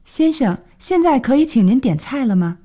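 A woman presenting a scripted radio language lesson, clearly explaining and translating each phrase. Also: high-pitched, big pitch swings, normal speed, dark tone. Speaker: radio English teacher.

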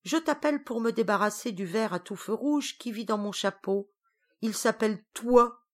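A woman's voice: on the high side, normal speed, voice pushed up, close to an everyday voice. A woman voicing a vain, grumpy witch who complains indignantly. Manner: indignant, whiny.

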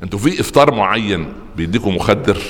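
A man with an Egyptian accent giving a religious lesson to a live audience, telling stories with lively asides and tossing rhetorical questions to his listeners. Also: fairly low pitch, fast talker, in a large hall. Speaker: preacher teaching a religious lesson.

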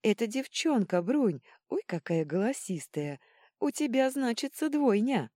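A woman's voice: mid-range voice, moderate pace, mellow, no echo, studio quality, pitched above the performer's own voice, close to an everyday voice. A woman voicing a folksy woman who exclaims with homely words. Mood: joyful.

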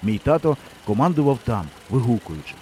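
A man narrating an audiobook in an expressive storytelling manner. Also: mid-range voice, brisk, slight background noise. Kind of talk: scripted narration.

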